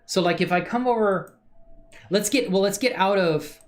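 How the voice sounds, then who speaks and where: A man with a voice that sits high talks at normal speed while streaming his 3D modeling work. He thinks aloud casually in slang, responds to chat questions, and uses many fillers.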